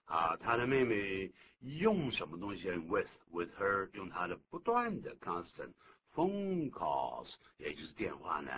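Low-voiced older man, animated teacher. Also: a little slow. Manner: lively explaining, acts out complaints. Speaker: English teacher, radio host. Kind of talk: bilingual radio English lesson. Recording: dull lo-fi radio recording with noise.

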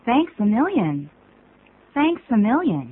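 A woman co-hosting a radio English lesson, reading model phrases slowly and clearly. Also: fairly high pitch, sing-song. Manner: slow, careful English demonstrations. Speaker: co-host reading English dialogue. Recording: tinny phone-like radio audio with faint hiss.

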